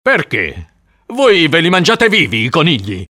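A man's voice: mid-range voice, big pitch swings, normal speed, a bit bright, dry recording, clean studio sound, voice pushed up. A man reading the part of a blunt, exasperated adult hunter in an audiobook. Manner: blunt, practical.

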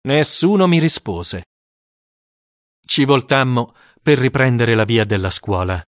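Expressive male audiobook narrator, lively. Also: medium pitch, a little slow, dry recording, studio quality. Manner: expressive, dramatic storytelling. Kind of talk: first-person storybook narration.

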